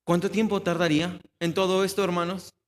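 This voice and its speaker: Preaching a sermon in a church hall, a pastor with a Mexican Spanish accent poses questions to the congregation and answers them himself. His voice is high and level in tone, a little fast, and carries a long hall reverb.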